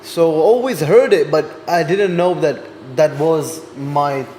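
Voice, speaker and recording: A man's voice: fairly high pitch, lively intonation, a little slow, dark tone, slight background noise. A man in his twenties, a music artist guest on a podcast, telling his story thoughtfully with frequent hesitations. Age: 20s. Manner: thoughtful, hesitant with many ums. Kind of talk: casual interview chat.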